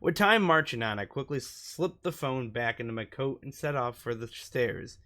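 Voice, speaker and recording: A man with a sharp-toned, mid-range voice talks at normal speed as he narrates a let's play, reading in-game text and sometimes tripping over it. He's a gaming YouTuber, and music plays behind him.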